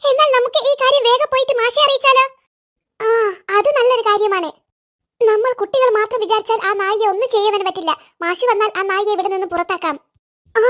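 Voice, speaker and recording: A voice actor playing excitable young schoolboys who bicker back and forth in a cartoon. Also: extremely high pitch. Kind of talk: cartoon voice acting. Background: faint background music.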